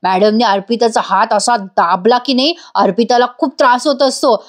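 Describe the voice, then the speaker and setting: A woman narrating an episode recap in a voice-over, telling the story with lively exclamations and speaking to viewers. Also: fairly high pitch, normal speed. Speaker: TV show reviewer.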